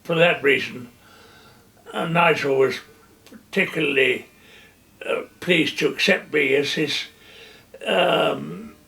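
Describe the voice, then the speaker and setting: Gravelly old man, slow and halting. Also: fairly high pitch, sharp tone, far from the mic. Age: older. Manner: halting, with many pauses and fillers. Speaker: retired general interviewee. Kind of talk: wartime reminiscence.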